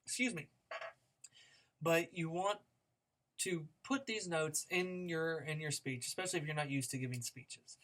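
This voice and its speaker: A male speech instructor giving a recorded lecture, conversational and demonstrative, with frequent fillers and restarts as he varies his speed, pitch and loudness to show his points. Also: a little slow.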